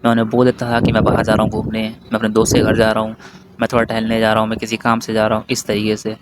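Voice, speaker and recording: A man's voice: lowish voice, completely flat delivery, rapid-fire. A young man from India giving casual, brotherly advice straight to the viewer, repeating his points as he goes. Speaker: vlogger. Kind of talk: casual advice talk to camera. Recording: noisy background hiss.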